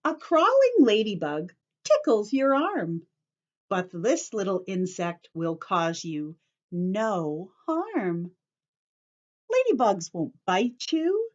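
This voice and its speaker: This teacher reads to young kids very slowly and with long pauses, her mid-range voice swooping wildly in pitch. She teaches by asking the children questions, explaining simply and repeating herself, in slightly muffled lo-fi sound.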